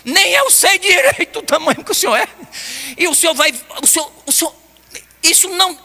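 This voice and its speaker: A man's voice: extremely high pitch, big pitch swings, brisk, sharp tone, voice pushed up, full character voice. A man voicing a pleading, worried cherub. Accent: Brazilian Portuguese. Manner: earnest, arguing. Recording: long hall reverb.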